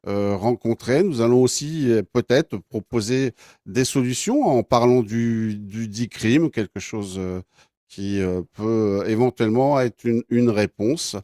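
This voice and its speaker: A man hosting an interview, introducing his guest slowly with many hesitations. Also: medium pitch, mellow, dry recording, studio quality. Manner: hesitant, many fillers and restarts. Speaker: interview host.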